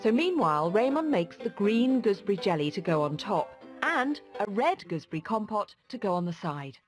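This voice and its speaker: A woman's voice: mid-range voice, sing-song, brisk. A woman with a British accent reading scripted cookery narration as a presenter. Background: music.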